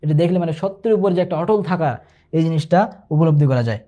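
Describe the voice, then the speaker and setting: A man's voice: on the high side, lively intonation, warm tone. Man teaching, repeating terms. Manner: explains patiently, repeats key terms and asks rhetorical questions; slows to recite Arabic examples. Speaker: instructor. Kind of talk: online exam-prep lesson.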